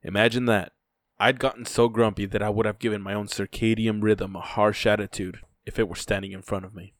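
Guy reading a story first person, lowish voice, tired dry delivery, no room sound. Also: little pitch movement, fairly quick, dry recording. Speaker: narrator. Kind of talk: first-person audiobook narration.

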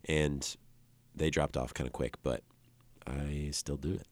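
Very deep-voiced laid-back man. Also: steady tone, a little slow. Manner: laid-back, rambling, many "like" fillers. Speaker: musician guest. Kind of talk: casual interview chat. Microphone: close microphone.

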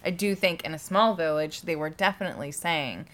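A woman's voice: sits low, brisk, a bit bright. A woman co-hosting a casual chat, sharing thoughtful opinions and frequent short reactions. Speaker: podcast co-host.

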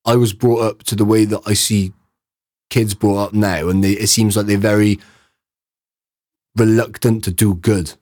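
A man co-hosting a casual podcast, talking in halting bursts with restarts and casual swearing. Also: on the low side, flat delivery, darkish tone. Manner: halting, restarts and loses his thread. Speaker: podcast co-host. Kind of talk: casual chat.

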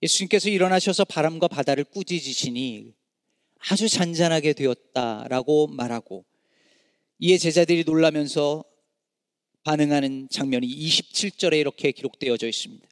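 A middle-aged man preaches with a high, ringing voice that swells into anguished pleas and then sinks to a near hush. He is miked close and dry, yet a long reverb trails behind him in a large room. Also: normal speed. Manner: dramatic rises and hushed drops, voicing anguished cries to God. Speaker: pastor. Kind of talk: sermon.

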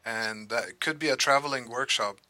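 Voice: medium pitch, normal speed, sharp tone. An interviewer asking questions and prompting a guest with short affirmations. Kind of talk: conversational interview.

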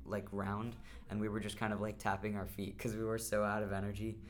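Hoarse camper rambling about camp. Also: low voice, monotone, brisk. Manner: rambling, many ums and restarts. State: hoarse, has lost voice. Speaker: camp podcast co-host. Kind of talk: casual chat.

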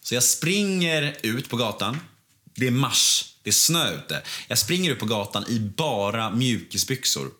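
A man's voice: medium pitch, big pitch swings, bright, forceful tone. A man guest telling a candid story in casual conversation, bluntly and with plenty of swearing.

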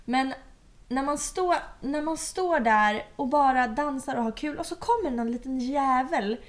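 A young woman, chatting casually and expressively, tossing in English phrases. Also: high-pitched. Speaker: podcast co-host. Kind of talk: casual chat.

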